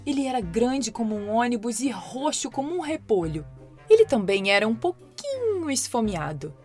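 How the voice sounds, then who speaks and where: Expressive female storyteller for a children's book, animated and fairly high. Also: moderate pace, soft background music. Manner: expressive, lively narration.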